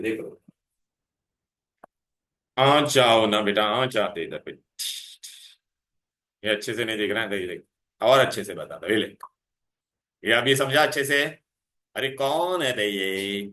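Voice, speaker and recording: Coaxing chemistry teacher, echoey room. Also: male voice, medium pitch, fairly bright tone. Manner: coaxing, calls students "beta", quizzes them constantly. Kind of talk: revision lecture to students.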